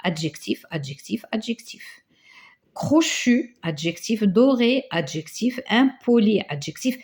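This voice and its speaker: A woman teaching a grammar lesson to schoolchildren, reading out examples slowly and hesitating often. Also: mid-range voice, very animated, a little mellow. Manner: slow, stretches example phrases, frequent hesitations. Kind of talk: grammar lesson correcting exercises.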